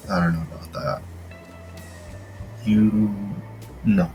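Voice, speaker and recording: Scornful deep-voiced male reaction commentator. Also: fairly even intonation, takes it slowly, mellow, soft background music, rough recording. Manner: mocking, scornful. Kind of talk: reaction commentary over a clip.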